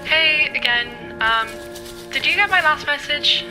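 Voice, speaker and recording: A woman's voice: high voice, lively intonation, measured pace, over music, rough recording. A young woman leaving a caring, slightly hesitant voice message for a friend. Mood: worried, caring. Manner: caring, reassuring, a little hesitant. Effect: played as a phone voice message.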